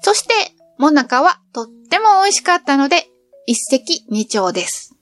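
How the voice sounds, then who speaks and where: A woman's voice: sits high, big pitch swings, normal speed, faint music behind. A middle-aged woman narrating her train trip in a cheerful, chatty storytelling manner. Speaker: travel vlogger. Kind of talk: scripted travel narration.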